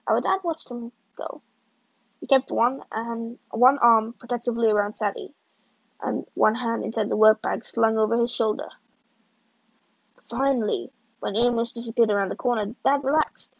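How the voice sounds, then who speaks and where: A woman's voice: on the high side, normal speed, vocal fry, no room sound, highs cut off. Woman reading a novel aloud, dry and close. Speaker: audiobook reader.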